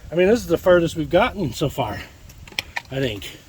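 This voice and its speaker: A man casually narrating his own car project while he works on it, relaxed and chatty, sometimes breathing hard from the effort. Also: fairly high pitch, moderate pace, slight background noise. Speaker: DIY builder vlogging his project.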